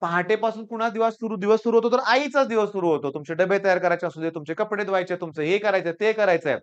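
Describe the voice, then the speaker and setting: A man's voice: high voice, quick pace, smooth, highs cut off. A man with a Marathi accent giving an earnest motivational talk to students as their tutor, often repeating "I tell you".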